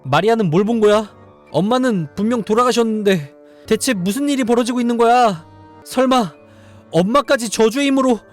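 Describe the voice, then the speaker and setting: A man voicing a frightened young girl who pleads in a high, tearful voice. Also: moderate pace, faint music behind. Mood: pleading. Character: frightened young girl searching for her father.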